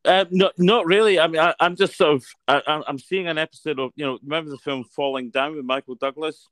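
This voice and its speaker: A man's voice: on the high side, fairly even intonation, quick pace, a bit bright, no room sound. A man as a guest on a casual radio chat, hesitant and stammering on his starts, good-humoured.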